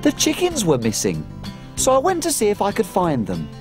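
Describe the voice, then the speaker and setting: Soft music plays behind a medium-pitched, darkish female voice that swoops wildly in pitch at normal speed. She's an actress playing a little cook for children's TV, cheery and bubbly, telling stories in a sing-song manner.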